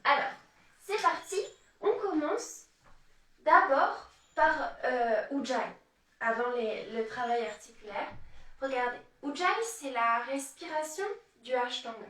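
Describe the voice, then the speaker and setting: A woman with a high voice leads a yoga class in an unhurried, calm way. She guides the breathing and counts the moves aloud, and her voice sounds distant in an echoey room. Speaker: yoga teacher. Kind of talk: live yoga class instruction. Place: room, indoors.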